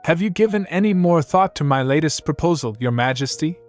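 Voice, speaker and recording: A man voicing a cunning sorceress who speaks calmly, sharply and directly. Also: mid-range voice, normal speed, faint music behind, natural voice. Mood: cool. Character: cunning sorceress, woman, calm and pointed.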